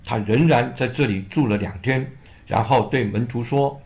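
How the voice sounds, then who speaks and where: A man narrating a Bible story for children in an animated, expressive way. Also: mid-range voice, moderate pace, gravelly.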